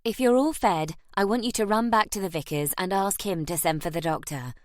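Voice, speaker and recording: A woman voicing a gentle motherly young woman. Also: mid-range voice, brisk, no room sound, studio quality, lightly acted. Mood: warm. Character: kind young woman caring for orphans.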